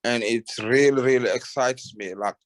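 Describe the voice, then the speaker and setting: A man from Somalia giving a halting personal testimony on a video call, with many restarts and fillers. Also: mid-range voice. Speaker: webinar participant. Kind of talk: casual testimony.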